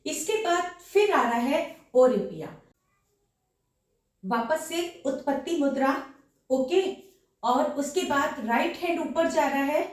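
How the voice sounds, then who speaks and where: Hoarse woman counting dance steps, echoey. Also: high-pitched, a little mellow. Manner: counts beats aloud while demonstrating moves. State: slightly hoarse sore throat. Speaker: dance teacher. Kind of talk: step-by-step dance instruction with counting. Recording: very echoey room, voice from a distance.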